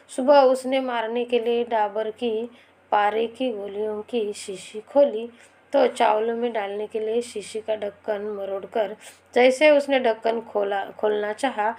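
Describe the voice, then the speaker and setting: A woman teacher goes through a textbook story with her pupils. She speaks slowly in a slightly high voice, reading each line and then repeating it in simpler words. Her manner is patient and direct. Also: a little mellow. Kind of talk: explaining a textbook chapter to students.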